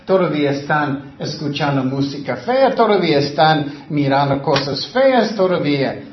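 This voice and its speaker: A man preaching a sermon in Spanish with passion, speaking loudly and swinging between sudden rises and drops, his phrasing slightly broken. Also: on the high side, expressive, normal speed, slight background noise. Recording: roomy, slightly dull sound.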